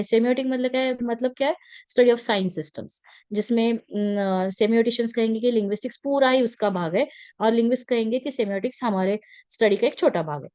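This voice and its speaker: A woman's voice: fairly high pitch, a little mellow, no room sound. A woman giving an online lecture in a mix of Hindi and English, hesitant, with many fillers and restarts.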